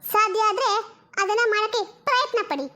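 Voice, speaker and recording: A woman's voice: extremely high pitch, moderate pace, pushed and bright. A woman voicing an indignant young woman who defends herself and reassures her family.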